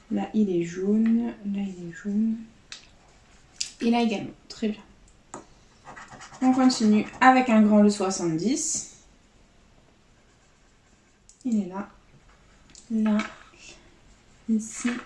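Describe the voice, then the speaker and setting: A woman's voice: mid-range voice, a little mellow. A woman vlogger giving casual running commentary to her viewers, chatty and steadily calling out letters and numbers. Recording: roomy echo, faint background noise.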